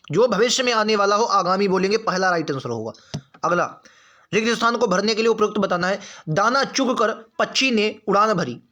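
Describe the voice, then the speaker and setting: High, bright-voiced man teaching exam prep. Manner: repeats answers and quizzes students with rhetorical questions; chummy, calls viewers friends and brother. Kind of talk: online exam-prep lesson.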